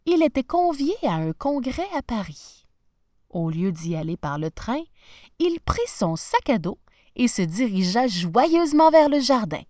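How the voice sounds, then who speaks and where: A woman narrating a children's storybook with an expressive, animated reading voice. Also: fairly high pitch, unhurried, dry recording, clean studio sound.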